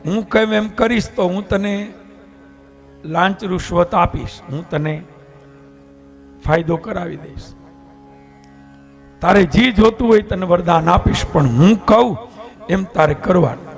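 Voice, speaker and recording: Brief: male narrator as a proud, bossy god, high gravelly voice, slow and swaggering. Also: faint music behind. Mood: commanding. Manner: boastful, commanding. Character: proud scheming god Brahma, male, boastful.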